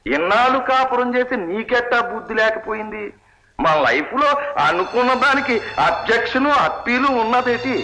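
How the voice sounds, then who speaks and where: A man's voice: extremely high pitch, animated, normal speed, sharp tone, soft background music, full character voice, rough recording. A middle-aged man playing a scheming, wisecracking father in a 1970s film comedy. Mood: mocking. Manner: mocking, wisecracking. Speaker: girl's father.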